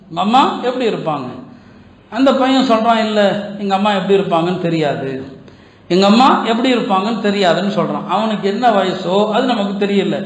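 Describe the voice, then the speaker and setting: A man's voice: very high-pitched, echoey room, rough recording. A man preaching an impassioned sermon who keeps asking his listeners rhetorical questions. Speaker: Islamic preacher. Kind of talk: Tamil sermon.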